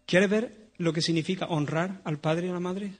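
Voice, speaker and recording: A man from Spain with a Spanish accent, preaching a sermon in a church, swinging between loud emphatic lines and hushed tones. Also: high voice, fairly even intonation, moderate pace, slightly rough.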